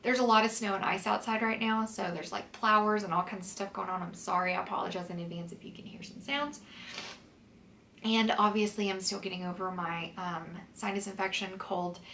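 A woman talks through her skincare haul in a loose, rambling way, full of "um"s and "like"s. Her nose is a little stuffy from a cold. Her voice sits at a middle pitch, picked up from a slight distance with a faint hum in the background. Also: a little fast, fairly bright tone. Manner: chatty, lots of "um" and "like". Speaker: beauty vlogger. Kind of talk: casual product review. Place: home, in winter with snow outside.

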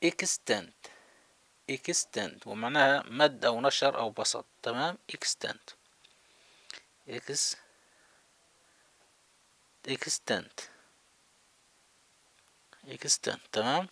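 Male language teacher, slow and patient repeater, gravelly tone. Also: mid-range voice, animated, sharp tone, dry recording. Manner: slow repetition of words, checking in. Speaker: English teacher. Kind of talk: vocabulary lesson.

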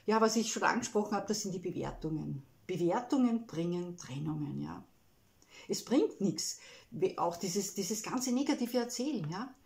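A woman with an Austrian accent gives a personal, reflective self-help talk, speaking emotionally and haltingly with frequent tag words. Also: medium pitch, expressive, gravelly, a little mellow. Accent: Austrian German.

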